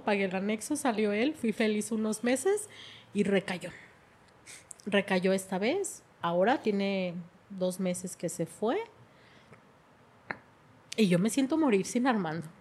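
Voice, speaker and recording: A woman's voice: mid-range voice, darkish tone, husky. A middle-aged woman, telling her life story in an emotional way and often repeating her words. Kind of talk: personal testimony.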